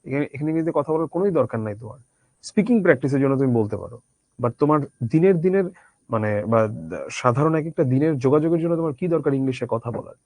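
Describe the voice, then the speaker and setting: A man's voice: a little high, expressive, quick pace, a little mellow, no room sound. A man teaching a literature lesson conversationally, asking his students rhetorical questions. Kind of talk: Bangla literature lecture.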